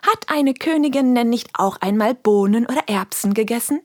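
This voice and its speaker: Woman voicing a little girl, cheerful know-it-all, high bright child voice, storybook. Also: normal speed, no echo, clean studio sound, close to an everyday voice. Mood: explaining.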